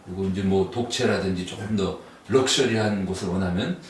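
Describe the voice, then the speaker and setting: A man speaking as a guest author in a relaxed, conversational way, unhurried and thinking aloud with fillers. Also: low-pitched. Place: book cafe. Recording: roomy distant sound, faint noise.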